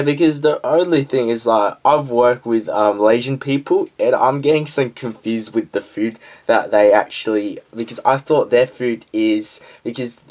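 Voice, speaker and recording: A male interviewer in a casual chat, talkative and loose. He often stumbles over his words and restarts his questions. His voice sits at an ordinary mid pitch. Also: a little mellow. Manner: chatty, stumbling, laughs between questions.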